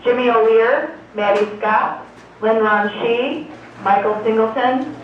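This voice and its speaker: A woman announcing over a school intercom loudspeaker, reading out a list of student names to report to the office. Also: a little high, steady tone, slow, a little hiss or hum. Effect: heard over a school intercom loudspeaker. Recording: echoey dull loudspeaker heard from far off.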